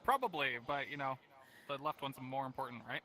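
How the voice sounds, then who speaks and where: A man in the audience giving short, laconic, deadpan answers to a comedian. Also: mid-range voice, a little fast, low-quality recording. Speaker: audience member. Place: virtual reality session at home.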